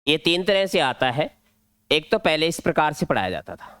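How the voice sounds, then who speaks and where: Clear-voiced male Hindi teacher, Rajasthani accent. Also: a little high, very animated, normal speed, a bit bright, no room sound. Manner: step-by-step explaining, drilling points. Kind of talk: exam-prep grammar lesson at a board.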